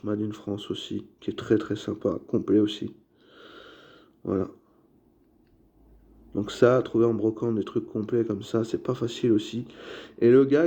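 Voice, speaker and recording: A man's voice: mid-range voice, warm tone, muffled recording. A man casually showing and describing his flea-market toy car finds to viewers, chatty and full of fillers. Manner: chatty, filler-heavy, addresses viewers as "les gars". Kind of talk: casual show-and-tell vlog.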